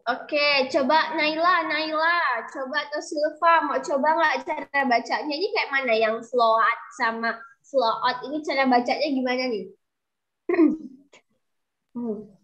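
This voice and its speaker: A young woman with a high, somewhat bright voice teaches an online English class at an unhurried pace, calling herself kakak and chattily coaxing her students to answer. Her room is growing dark and she is using a flashlight. The video call audio is dull and lo-fi.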